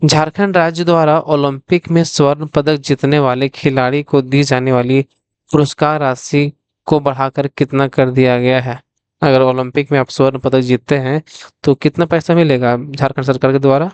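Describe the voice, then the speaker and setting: Male tutor, mid-pitched, smooth, clear voice, close and dry. Runs a question-and-answer revision lesson and repeats every question. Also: level tone, moderate pace, a little mellow, no echo. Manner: asks the viewers directly, then answers himself. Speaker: exam coaching teacher. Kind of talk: quiz-style revision lesson.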